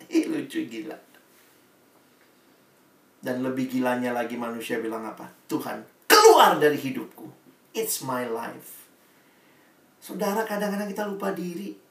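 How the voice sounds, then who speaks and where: A man preaching a lively sermon who acts out the characters in his illustrations with big swings of voice. His sound is roomy and echoey, as if he is a little way off the mic in a church hall. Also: mid-range voice, recorded from a distance. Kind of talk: sermon with storytelling.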